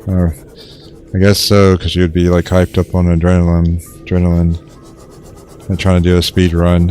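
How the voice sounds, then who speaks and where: With faint music playing behind him, a young man talks at normal speed while streaming a survival game. His casual monotone rambles along with fillers and restarts.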